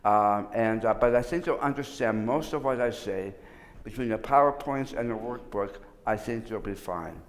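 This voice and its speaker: A man's voice: on the low side, normal speed. A man giving a conversational workshop lecture. He pronounces words a little unusually because of past tongue surgery, restarts his sentences often, and jokes dryly about himself. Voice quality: slightly unusual articulation after tongue surgery. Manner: informal, restarts often, dry self-mocking humor. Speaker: workshop presenter. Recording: long hall reverb.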